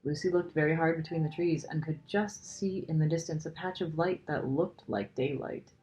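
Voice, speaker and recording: A woman narrating a children's story as an expressive storybook reader. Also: low voice, normal speed, low-quality recording.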